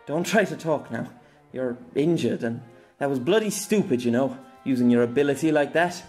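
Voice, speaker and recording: A man voicing a desperate young male fighter in an audio story, shouting and pleading. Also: mid-range voice, moderate pace, soft background music, lightly acted. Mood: urgent. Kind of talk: audiobook character voice.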